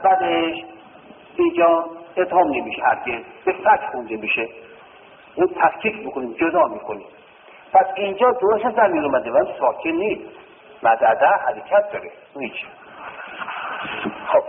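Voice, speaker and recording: A man's voice: sits high, a little hiss or hum. A man teaching a classroom lesson, explaining step by step and drilling word forms aloud, often asking a question and then answering it himself. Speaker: Arabic grammar teacher. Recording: echoey hall, tinny lo-fi sound.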